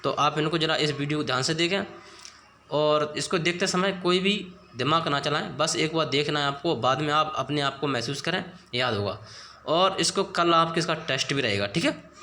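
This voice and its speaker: A man's voice: fairly high pitch, sharp tone, slight background noise. A young man teaching exam memory tricks in a casual, chatty way, often asking the viewer questions and checking they follow. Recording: echoey room with faint ambience.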